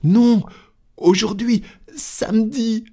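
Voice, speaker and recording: A shrill, panicked manservant. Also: male voice, fairly even intonation, takes it slowly, dark tone. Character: frantic breathless male manservant. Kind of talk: audiobook character voice.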